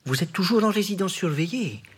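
An actor playing an earnest, inept, unflappable police detective in a comic audio drama, deadpan and matter-of-fact. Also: male voice, sits high, fairly quick, breathy edge, exaggerated voice. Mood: officious.

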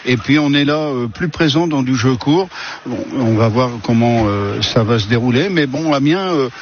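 A man giving radio football analysis in a halting way, full of fillers and repeated words. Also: mid-range voice, animated. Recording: lo-fi radio broadcast with faint noise.

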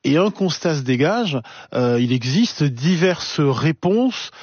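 A man hosting a studio discussion, asking questions in a measured way and murmuring agreement while guests speak. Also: a little high, big pitch swings, a little mellow, slightly rough, dry recording. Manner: measured, frequent murmured backchannels. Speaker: radio host. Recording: slightly dull, muffled sound.

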